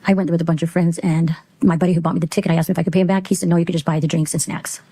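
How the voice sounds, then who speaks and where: A woman's voice: on the low side, little pitch movement, racing, dark tone, a little hiss or hum. A woman witness giving short, guarded answers under cross-examination, heard through a courtroom recording that is played back. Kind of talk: courtroom testimony.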